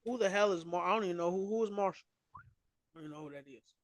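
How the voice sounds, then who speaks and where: Man for a casual sports podcast: high, dry, loose slangy delivery with plenty of trash talk. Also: very fast, no echo. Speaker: podcast co-host.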